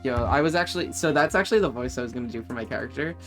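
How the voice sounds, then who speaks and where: A man's voice: medium pitch, very fast, faint music behind. A young man streaming a game with a friend, casual and sweary, now and then reading lines in put-on voices.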